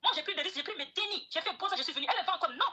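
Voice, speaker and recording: A woman's voice: extremely high pitch, lively intonation, racing, pushed and bright, dull audio. A woman talking heatedly on a live stream from home, insisting on her side, repeating herself and swearing oaths. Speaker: guest speaker on a live stream. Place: at home, neighbours nearby.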